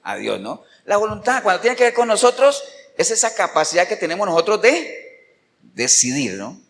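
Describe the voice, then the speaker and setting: A man's voice: high voice, sing-song, moderate pace, a bit bright, in a large hall. A male pastor preaching a sermon in Costa Rican Spanish, emphatic and firing rhetorical questions at the congregation. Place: church.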